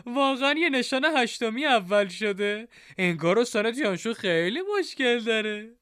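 Guy putting on a cheeky young student, high whiny voice, bright and clear, acting all innocent. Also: no room sound, studio quality. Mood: mocking.

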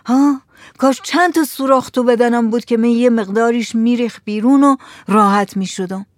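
A woman's voice: fairly high pitch, no echo, clean studio sound, voice pushed up, natural voice. A woman voicing a groaning, overfed village man who grumbles about the food. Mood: grumbling.

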